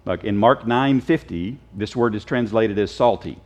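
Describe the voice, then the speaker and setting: A man's voice: lowish voice, normal speed, darkish tone. A man teaching a casual Bible class, joking and quizzing his students. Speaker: Sunday school teacher. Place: church classroom.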